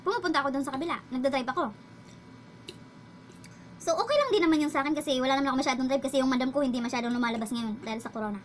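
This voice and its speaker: Chatty high-voiced woman vlogger. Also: rapid-fire. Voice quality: chatty, laughs while telling. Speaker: household driver and vlogger. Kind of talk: casual storytelling vlog.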